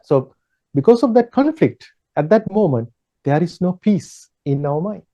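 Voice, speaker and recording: A man who is a Buddhist monk, teaching a slow, measured dharma talk in a gentle, repetitive way with pauses and fillers. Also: high-pitched, lively intonation, highs cut off.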